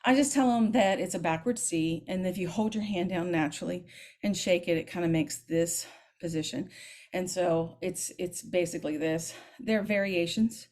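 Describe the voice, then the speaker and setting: A woman's voice: lowish voice, moderate pace. Chatty woman band teacher explaining technique. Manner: lively, chatty, demonstrates as she talks. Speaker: middle school band director.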